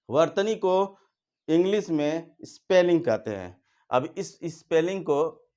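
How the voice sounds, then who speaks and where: A male teacher giving an exam-prep grammar lesson at a board, repeating key definitions slowly and telling students directly what to remember. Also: fairly high pitch, darkish tone. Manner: addresses students directly with instructions.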